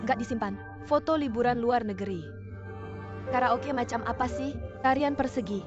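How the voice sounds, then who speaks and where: Woman dubbing a high-voiced nagging mom, dubbed drama, music behind. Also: normal speed, lo-fi sound, close to an everyday voice. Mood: wistful. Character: overbearing middle-aged mother, doting on her son. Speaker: dub actress.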